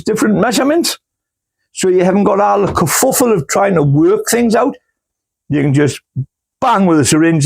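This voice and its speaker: Potting plants indoors in a cool grow room, this man hosts his gardening channel with homely, filler-laden rambling, interrupted by hiccups. He has a slightly high voice with vocal fry and a darkish tone.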